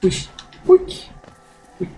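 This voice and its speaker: A man giving let's play commentary, excitable, yelping and talking back to the game as he plays. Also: very slow, faint music behind. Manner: excitable, yelps and talks to the game. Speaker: gaming streamer.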